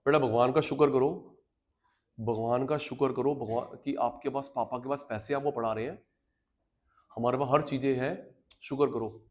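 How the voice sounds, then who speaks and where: A man teaching a class, telling stories to his students and then lecturing loudly and with emphasis. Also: medium pitch, moderate pace. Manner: animated, addresses students directly, swings from quiet storytelling to loud emphasis.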